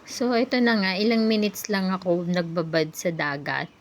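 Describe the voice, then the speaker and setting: A young woman in a casual personal vlog, talking in a soft, rambling, confiding way. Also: fairly low pitch, steady tone, normal speed, slight background noise. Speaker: vlogger.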